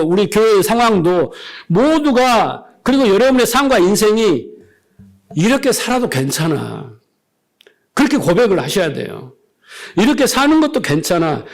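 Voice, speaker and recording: A middle-aged male pastor preaches emphatically in a high-pitched voice, frequently questioning the congregation and acting out little dialogues.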